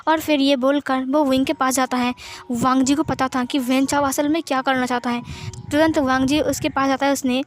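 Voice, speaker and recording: A woman's voice: sits high, steady tone, fairly quick. A woman narrating a fan-fiction story in a plain, matter-of-fact way.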